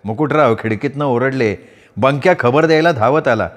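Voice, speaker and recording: A man narrating a novel aloud as a storyteller, with an expressive, varied delivery. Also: mid-range voice, moderate pace. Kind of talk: dramatic audiobook narration. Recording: long reverb.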